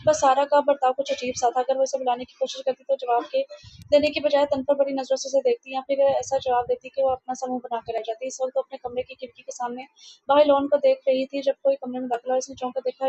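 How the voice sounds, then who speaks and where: Woman, audiobook narration, steady reading, high pitch, flat delivery, dull lo-fi sound. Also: fast, no echo.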